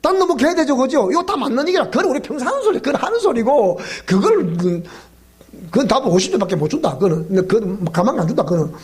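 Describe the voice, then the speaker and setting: Man, pastor, Gyeongsang accent, high pitched, very animated, joking sermon in a church. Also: quick pace. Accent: Gyeongsang Korean. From South Gyeongsang, Korea. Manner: joking, quizzing the congregation, laughing often. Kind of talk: sermon at a weeknight Bible school.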